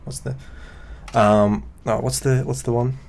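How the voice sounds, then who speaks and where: A man's voice: mid-range voice, steady tone, a little slow, gravelly, darkish tone. A man hosting a casual chat about competitive games, rambling with lots of fillers and wry asides. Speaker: podcast host.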